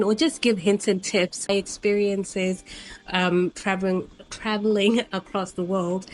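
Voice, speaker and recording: A woman from Zimbabwe, around her thirties, chatting casually to camera as a travel vlogger, meandering with frequent ums. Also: medium pitch. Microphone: new personal microphone set.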